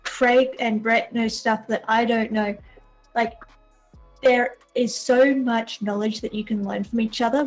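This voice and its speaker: A woman's voice: mid-range voice, low-quality recording. A woman speaking casually as a developer advocate, explaining things in an emphatic, reassuring way. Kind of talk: casual explanatory panel talk. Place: indoors, on camera.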